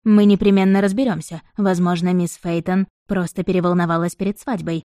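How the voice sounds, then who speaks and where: A woman's voice: fairly low pitch, little pitch movement, brisk, dark tone, no echo, clean studio sound, lightly acted. A woman reading an audiobook and voicing a flustered, fawning older boarding-school headmistress who babbles to placate. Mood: placating.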